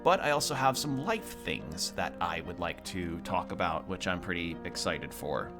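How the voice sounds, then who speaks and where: Low-voiced and very animated, a young streamer speaks at a normal speed while chatting casually over a game in his room at home. The chilly room has him a bit sniffly, and music runs behind his voice.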